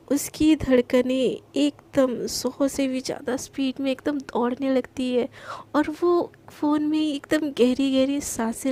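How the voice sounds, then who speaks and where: High-voiced woman telling a love story. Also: darkish tone. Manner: chatty, repeats words, acts out dialogue. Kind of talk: casual storytelling narration.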